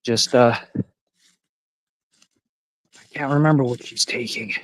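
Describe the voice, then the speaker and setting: A man's voice: medium pitch, steady tone, slow, a bit bright, dry recording, low-quality recording. A Canadian man in his forties rambling casually and profanely on a live stream while hiking a forest trail. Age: 40s.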